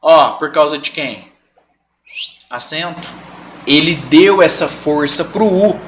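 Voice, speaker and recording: Speaking slowly in a fairly bright, highish voice with a faint hum in the background, this Brazilian teacher runs a live online grammar class. His Brazilian Portuguese accent comes through as he goes step by step, drawing out examples and frequently checking on students.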